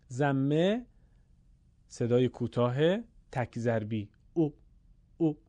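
A man teaching the correct way to recite the Quran to listeners, formal and courteous, drawing out vowels slowly in demonstrations. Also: mid-range voice, dark tone, no room sound. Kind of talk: recorded lesson for listeners.

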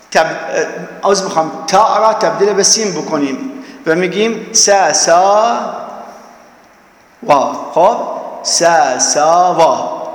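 A fairly high-pitched male teacher leads a grammar lesson in a classroom, chanting verb forms one by one. He checks often that his students are keeping up. His voice rings with a long, roomy reverb. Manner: drills verb forms slowly, repeating each; coaxing, checks students follow.

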